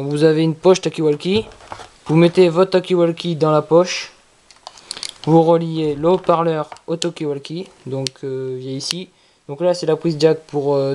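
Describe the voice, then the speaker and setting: A product reviewer talking casually through an unboxing in a halting, repetitive way. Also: mid-range voice, steady tone, dark tone. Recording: clearly noisy with handling clicks.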